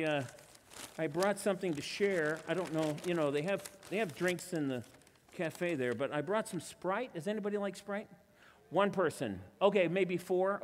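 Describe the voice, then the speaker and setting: A man's voice: high-pitched, slight background noise. Chatty man doing magic patter in a hall. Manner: chatty, self-deprecating, playful asides. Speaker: stage illusionist. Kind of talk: live magic show patter with audience volunteer. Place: church hall before a live audience.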